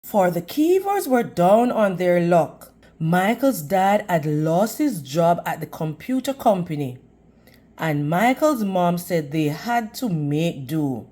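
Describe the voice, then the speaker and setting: In an unhurried read-aloud for little kids, a woman works through a picture book, her voice bouncing up and down with energy. She prompts the children with questions the way a teacher would.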